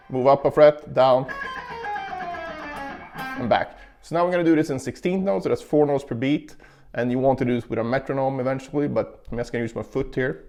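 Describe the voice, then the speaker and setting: A man's voice: mid-range voice, darkish tone. A man teaching a guitar lesson, explaining step by step and counting beats aloud as he plays. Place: indoor room with carpet. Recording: guitar heard faintly behind the voice. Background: guitar playing.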